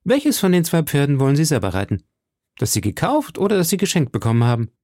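A man's voice: fairly high pitch, huge pitch swings, fast, a little mellow, dry recording, studio quality, pitched above the performer's own voice. A man voicing a bold young musketeer who speaks eagerly and commits at once, in a German audiobook reading. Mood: lively.

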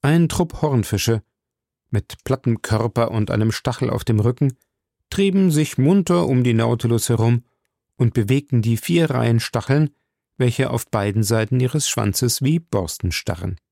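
A man narrating an audiobook in a measured storytelling manner. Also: medium pitch, lively intonation, gravelly, dark tone, no room sound, clean studio sound. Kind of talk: scripted narration.

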